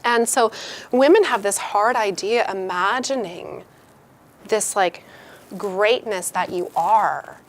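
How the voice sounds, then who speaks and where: A woman's voice: medium pitch, takes it slowly, slight background noise. A woman giving a casual motivational talk to a live group, candid and chatty, swearing freely and acting out the voices of people she quotes. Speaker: workshop speaker.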